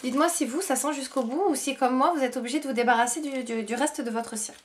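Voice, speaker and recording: A young woman talks through her finished beauty products in a relaxed, rambling way. Her voice sits high, and she fills pauses with frequent hesitations and restarts. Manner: chatty, many fillers and restarts. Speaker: beauty vlogger. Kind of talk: casual product review chat.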